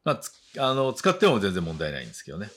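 A man teaching English vocabulary and pronunciation, saying each word slowly twice and chatting briskly in between. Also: fairly low pitch, wildly swooping pitch, fairly bright tone, breathy edge. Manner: slow drawn-out model words, then quick chatty asides.

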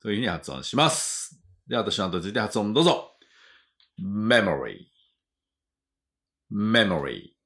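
A man teaching English pronunciation, saying model words slowly and with exaggeration between brisk explanations, then asking the listener to repeat after him. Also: fairly low pitch, sing-song, fairly bright tone.

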